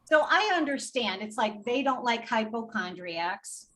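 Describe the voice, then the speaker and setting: This podcast storytelling comes from a patient advocate, a woman whose fairly high, sharp voice has lively intonation and a measured pace. Indignant, she replays a tense hospital scene by performing both speakers' lines, all on a low-quality recording.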